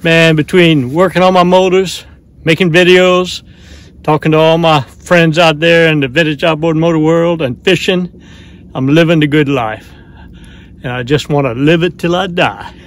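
Folksy mechanic, slightly high voice. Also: male voice, fairly even intonation, normal speed, no room sound, low-quality recording. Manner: folksy, matter-of-fact, calls the motor "her". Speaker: vintage outboard motor mechanic. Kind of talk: casual repair vlog narration. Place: workshop and outdoors by the water.

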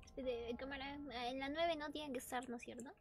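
A woman's voice: high voice, steady tone, normal speed, slight background noise. A woman giving casual let's-play commentary on a horror game, chatty and easily startled, breaking into screams and nervous laughs. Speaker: gamer playing a horror game.

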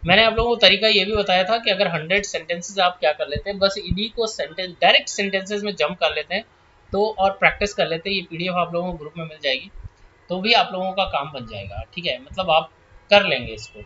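A man with an Indian accent teaching English grammar rules for exams, reading each rule slowly and then explaining it quickly with check-in questions. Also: high-pitched, sharp tone, dull audio, a little hiss or hum. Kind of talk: exam-prep grammar lesson in Hindi with English examples.

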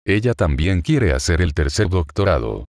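A man with a low voice narrates a serialized web novel in a flat, even, machine-like way. The sound is close and dry, with no room around it. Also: moderate pace, no room sound. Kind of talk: scripted narration.

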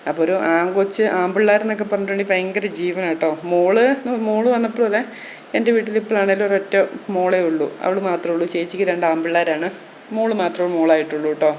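A woman's voice: on the low side, brisk, darkish tone, slight background noise. A woman vlogger and mother telling her own story in a chatty way, often turning to the viewers with "you know". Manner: conversational, frequent tag "keto" addressing listeners.

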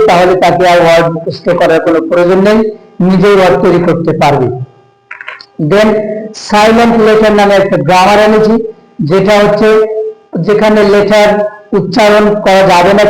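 Man, high voice, echoey room, halting explanation of his grammar book. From Bangladesh. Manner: halting, mixes English words into explanations. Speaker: author of an English grammar book.

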